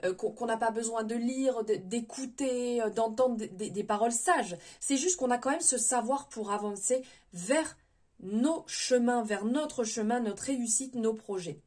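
A woman giving a spontaneous spiritual tarot reading, gentle and advising, often hesitating and restarting her words. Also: a little high, unhurried. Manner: hesitant, many fillers and restarts. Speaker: tarot reader.

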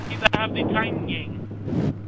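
A young man chatting casually with friends while they play a game together, often yelling and laughing. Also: high voice, measured pace, heavy background noise. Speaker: gamer. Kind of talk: casual gaming chat. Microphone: USB desk mic.

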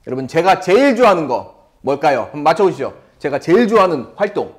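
A man in his thirties teaching an online English lesson. His voice sits a little high and swings widely up and down. He talks playfully and keeps asking his viewers questions. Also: very animated, fast.

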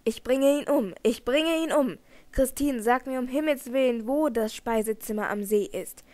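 A woman reading the part of a jealous, enraged young nobleman with grim, forceful outbursts. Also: fairly high pitch, normal speed, no echo, close to an everyday voice. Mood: grim fury.

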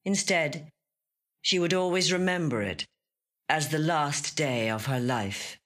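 In a studio, a woman actor reads a literary short story aloud with dramatic narration. Her voice is low-pitched and a bit bright, and her delivery is measured and deliberate, repeating phrases for weight.

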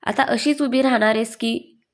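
A woman voicing a gentle, affectionate young man who coaxes in a soft pleading tone. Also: a little high, fairly even intonation, moderate pace, natural voice. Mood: coaxing. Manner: soft coaxing tone.

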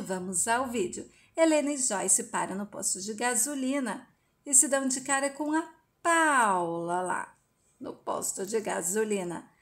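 A woman narrating a soap opera recap, plainly retelling a scene and reading out the lines. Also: on the high side. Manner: plain retelling, reads out each line.

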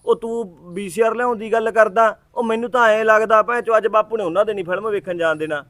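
A man playing a worried village youth who grumbles through his troubles to a friend. His voice is fairly high and sounds dry and close. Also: fairly even intonation, fast talker, fairly bright tone, dry recording. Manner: worried, complaining storytelling.

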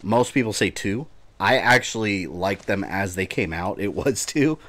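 A man's voice: lowish voice, lively intonation, unhurried, fairly bright tone. A man from Puerto Rico chatting casually and swearing while he streams a game. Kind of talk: live gameplay commentary. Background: game music and gunfire.

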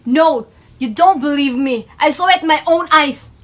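A woman's voice: sits high, a little slow, reverberant, recorded from a distance. A young woman playing the heroine of a student film, a fiancée who talks in an earnest, somewhat tense way. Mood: frightened. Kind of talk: amateur student film acting. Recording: loud background noise, amateur recording.

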